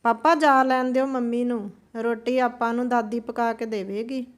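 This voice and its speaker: A woman's voice: fairly high pitch, fairly even intonation, normal speed, close to an everyday voice. A woman voicing an innocent young boy who speaks earnestly and pleads. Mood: pleading.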